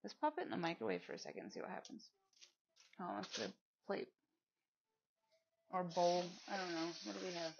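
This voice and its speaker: A woman's voice: on the low side, big pitch swings, fairly quick, vocal fry, pauses often, muffled recording. A woman hosting a casual home cooking tutorial, chatty and instructive as she guides a helper step by step. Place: home kitchen. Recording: kitchen clatter of dishes and utensils. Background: clinking dishes and cutlery.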